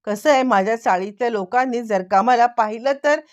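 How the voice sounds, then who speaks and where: A nervous young woman dodging questions in a high, flustered voice, as a woman storyteller puts her on. She sounds evasive and unsettled. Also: brisk, dull audio, lightly acted.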